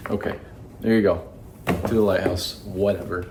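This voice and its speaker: A man talks through his favorite reads in a relaxed vlog, his voice low-pitched and his praise spilling out in gushing bursts. He drops the occasional curse word. A faint hiss sits beneath his voice. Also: normal speed. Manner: gushing and effusive, casually swears. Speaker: book reviewer. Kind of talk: casual book review vlog.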